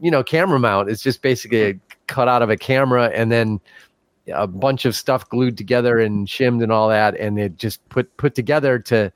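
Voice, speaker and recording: A man's voice: medium pitch, fairly quick, dry recording. A man hosting a podcast in casual chat, telling stories with frequent laughs and fillers. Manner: chatty storyteller, laughs often, many fillers. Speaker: podcast host.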